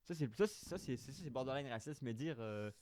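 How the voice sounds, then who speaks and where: A man with a Québécois French accent, making his case earnestly in casual podcast talk, often halting and restarting. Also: mid-range voice, animated, a little mellow, slight background noise. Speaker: podcast co-host.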